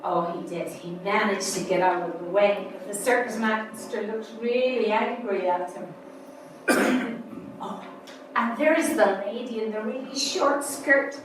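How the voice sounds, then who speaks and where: Woman telling her memoir slow and wide-eyed, higher voice, big echo, mic far away. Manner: slow, storytelling with childlike wonder. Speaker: memoir performer. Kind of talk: reading a personal memoir piece. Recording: echoey room, far-off mic, noisy.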